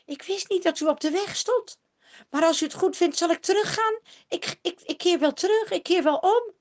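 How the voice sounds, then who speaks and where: A woman's voice: very high voice, moderate pace, pitched above the performer's own voice. A woman voicing an old male soothsayer who speaks earnestly and declaims his prophecies in a spoken Bible story. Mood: apologetic.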